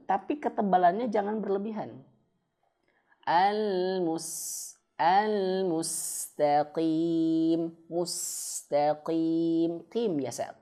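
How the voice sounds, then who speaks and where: A man teaching Quran recitation in an online lesson, patiently demonstrating each sound with slow, drawn-out recitation and addressing viewers as friends and parents. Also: a little high, gravelly, mellow.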